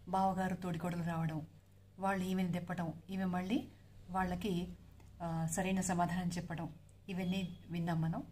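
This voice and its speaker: A woman's voice: fairly low pitch, a little mellow, a little hiss or hum. A woman narrating a serialized novel, recounting the story steadily for her listeners.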